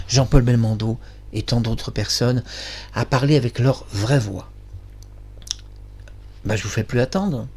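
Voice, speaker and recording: A man's voice: medium pitch, creaky, darkish tone. Effusive, rambling male channel host. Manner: effusive, rambling, self-praising. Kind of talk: casual monologue.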